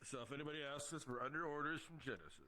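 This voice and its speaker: A man playing a soldier in a roleplay, joking quickly and often restarting his sentences. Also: fairly high pitch, sharp tone. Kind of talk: in-character roleplay banter.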